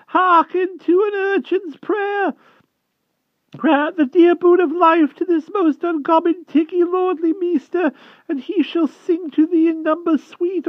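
A man's voice: very high voice, no room sound, phone-quality sound, voice pushed up. A man voicing a small frightened male hedgehog who squeals and begs for mercy in a rustic country dialect.

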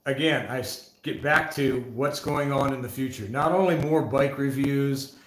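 A man's voice: medium pitch, normal speed, echoey room, slight background noise, low-quality recording. A man with a northeast Ohio accent hosting a casual livestream, joking around and reading viewer comments aloud in a folksy way. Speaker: livestream host.

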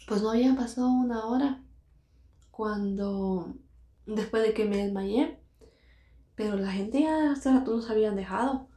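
A woman's voice: fairly high pitch, a little slow, pauses often, mellow. A woman earnestly telling her own life story, repeating phrases for emphasis and acting out what others said. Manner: earnest, repeats phrases, acts out quoted voices. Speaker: vlogger recounting her own experience. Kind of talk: emotional personal storytelling. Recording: roomy echo.

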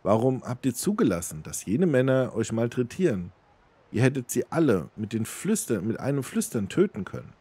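A man's voice: medium pitch, very animated, normal speed, warm tone, slightly rough, voice pushed up. A man voicing an eager young noble wanderer who seeks power, in a slightly raised, earnest, pleading voice. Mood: startled.

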